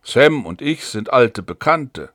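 A man reading the part of a calm, guarded police officer in an audiobook, measured in tone. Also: medium pitch, no echo, studio quality.

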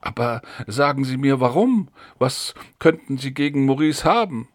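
Earnest, trusting young woman in a storybook reading, lively intonation, voiced by a man. Dry close sound. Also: mid-range voice, moderate pace, dry recording, lightly acted. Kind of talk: audiobook dialogue reading.

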